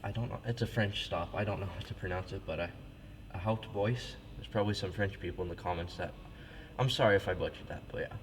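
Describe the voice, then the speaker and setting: Speaking quickly in a low voice over a noisy background, a man shows off church organ stops from the console. His informal talk is full of restarts and fillers, with loud pipe organ playing behind him.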